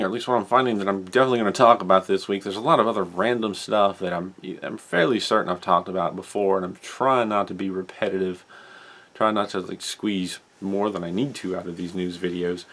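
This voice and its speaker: With a fairly low, fairly bright voice and a brisk delivery, a man rambles through a casual hobby news commentary, fixing his own mistakes while listing model details. He's got the hiccups throughout.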